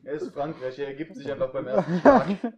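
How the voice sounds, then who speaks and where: A man's voice: on the high side, big pitch swings, fairly quick, highs cut off, crowd noise. A young man co-hosting a podcast at home with friends, teasing the others with dry quips. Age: young adult. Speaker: podcast co-host. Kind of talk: casual chat.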